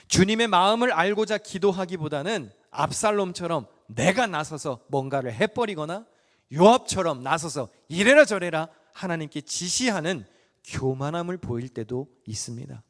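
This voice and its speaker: A male pastor preaching a sermon in a church sanctuary. He stresses some phrases loudly and drops others to a hush. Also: a little high, lively intonation, moderate pace. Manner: emphatic, swinging between loud stresses and hushed asides. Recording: long church reverb with soft music behind.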